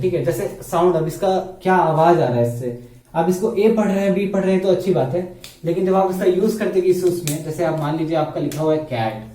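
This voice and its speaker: A man's voice: a little high, dark tone, recorded from a distance. A man teaching a beginners' grammar lesson at a board, explaining step by step and asking and answering his own questions. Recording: echoey room, voice off-mic.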